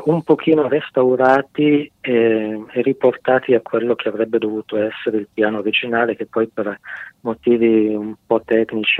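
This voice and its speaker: A man's voice: on the low side, no echo. Man talking over a landline phone. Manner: hesitant, many filler sounds. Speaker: radio portal guest. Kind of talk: phone-in radio interview. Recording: tinny dry phone line.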